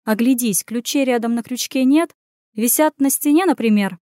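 A woman's voice: a little high, moderate pace, a little mellow, dry recording, studio quality, lightly acted. A woman voicing a young runaway witch in an audiobook, pleading and sarcastic by turns. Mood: snappish. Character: young runaway witch girl, frantic and snappish. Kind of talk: audiobook character voice.

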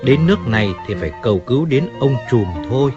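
A man's voice: medium pitch, animated, fast, dull audio, close to an everyday voice. A man reading as a pleading old undertaker. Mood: aggrieved. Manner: plaintive, deferential pleading. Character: aging Italian-American undertaker, pleading and self-pitying. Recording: faint music in background.

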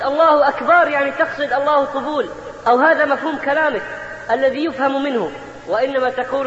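A man preaching a Friday sermon in a very high voice, moving along at a brisk clip and stretching out key words to stress them. His voice rings through a large mosque hall with a long echo, and the recording sounds muffled and lo-fi. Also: a bit bright. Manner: addresses the congregation directly, drawing out words for emphasis.

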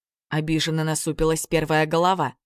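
A woman reading a fairy-tale audiobook in a measured, expressive way. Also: low voice, clear, resonant tone, dry recording, studio quality. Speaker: narrator.

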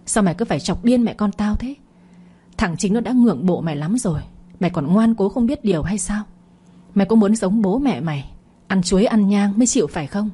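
A woman reading the part of a scheming, cruel middle-aged stepmother, speaking with quiet, cutting spite. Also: mid-range voice, lively intonation, fairly quick, husky. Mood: furious.

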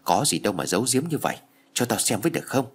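A man's voice: medium pitch, animated, rapid-fire, gravelly, husky. A man voicing a brash teenage village boy who bluntly tells his friends what to do.

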